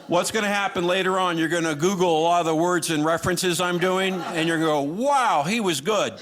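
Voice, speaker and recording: Male stand-up comic, sarcastic lilt, slightly high-pitched delivery, very noisy live show. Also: little pitch movement, fast. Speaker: stand-up comedian. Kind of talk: live stand-up comedy routine with props. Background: audience laughter and noise.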